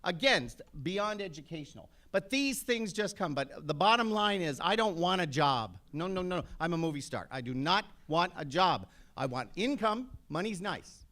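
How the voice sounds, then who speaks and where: Brash animated man in his fifties. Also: high voice, moderate pace, few pauses. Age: 50s. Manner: brash, animated storyteller with comic asides. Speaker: actor on a panel. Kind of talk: panel talk to an audience.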